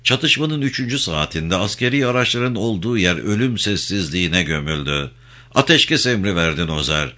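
A man's voice: low voice, lively intonation, moderate pace, sharp tone. A man narrating a novel in a dramatic storytelling manner. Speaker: audiobook narrator.

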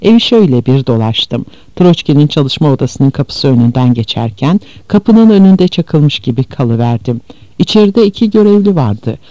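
A man giving a measured, grave scripted narration of a memoir as an audiobook reader. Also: fairly high pitch, expressive, dark tone, no echo, muffled recording.

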